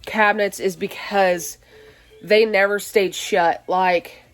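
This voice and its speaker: A young woman in her twenties chats to her viewers from inside a small, busy home. Her talk is loose and rambling, full of "um"s and restarts, and she is slightly short of breath. Her pitch sits in a plain, middle range. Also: fairly even intonation, slow. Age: 20s. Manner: rambling, many fillers and restarts. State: out of breath, allergies. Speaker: mom vlogger. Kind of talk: casual chatty vlog. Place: small cluttered home, indoors.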